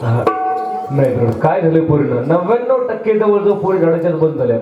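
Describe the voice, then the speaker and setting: A man preaching a devotional sermon with humor, rhyming in a sing-song and speaking directly to his listeners, heard through an echoey, dull loudspeaker from a distance. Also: fairly high pitch, expressive, brisk, music in the background. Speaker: kirtan preacher. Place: public religious gathering over loudspeakers. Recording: echoey, dull PA sound from far off.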